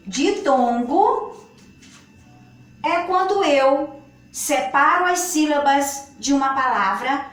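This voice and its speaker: A woman with a Brazilian Portuguese accent teaching a children's grammar lesson, speaking slowly and patiently and stretching out her words. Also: sits high, fairly bright tone. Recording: echoey room, far from the mic.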